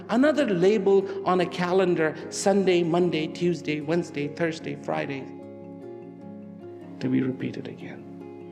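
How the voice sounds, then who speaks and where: A man delivers slow, emphatic motivational narration with a dramatic edge, posing rhetorical questions and now and then sinking almost to a whisper. His pitch sits fairly high and has a creaky quality.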